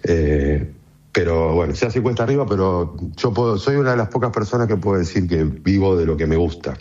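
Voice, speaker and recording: Deep Argentine man, relaxed interview talk. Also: a little fast, muffled recording. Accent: Argentine Spanish. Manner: relaxed, conversational, frequent fillers. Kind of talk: radio interview.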